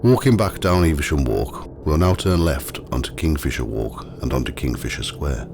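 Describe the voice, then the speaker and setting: A man narrating a scripted ghost walk as the guide, telling the stories in a measured, matter-of-fact way. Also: extremely low pitch, expressive. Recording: clearly noisy, ambient sound behind.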